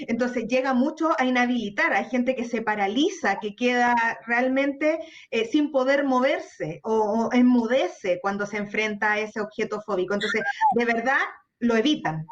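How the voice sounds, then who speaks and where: A woman's voice: fairly high pitch, normal speed, lo-fi sound. A Chilean woman psychologist speaking as a radio guest, explaining earnestly and candidly. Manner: earnest, explanatory, candid about own fears. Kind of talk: conversational interview.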